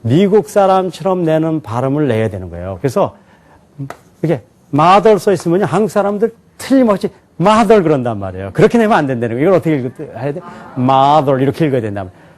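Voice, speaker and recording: A man's voice: a little high, very animated, warm tone. A man giving a lecture to a class, asking questions and answering them himself, with frequent chuckles. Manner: demonstrates pronunciation slowly and syllable by syllable. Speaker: teacher. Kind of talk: televised lecture.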